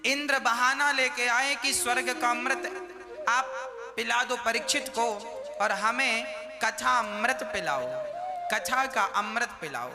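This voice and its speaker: A man's voice: very high voice, slow. A man preaching a devotional sermon, telling folksy stories and chanting verses. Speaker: Bhagavat katha preacher. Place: large live religious gathering. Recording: reverberant live hall with music.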